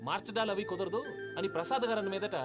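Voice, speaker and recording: A man's voice: sits high, fairly even intonation, racing, loud music behind the voice, close to an everyday voice. An actor playing a talkative, scheming young lover in a film comedy, telling his story at length. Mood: earnest. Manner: long-winded storyteller, dramatic. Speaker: film hero.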